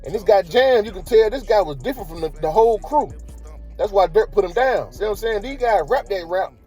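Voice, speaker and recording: High-voiced man with mellow tone. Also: expressive, brisk, faint music behind. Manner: slangy, rhetorical, asks viewers questions. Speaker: commentary channel host. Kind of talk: casual commentary vlog.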